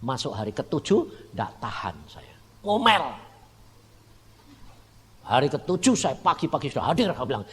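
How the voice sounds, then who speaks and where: Animated Javanese-accented evangelist man preaching. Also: medium pitch, normal speed, long pauses, slightly rough, big-room sound. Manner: animated storytelling, swinging between loud bursts and hushed asides. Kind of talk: sermon.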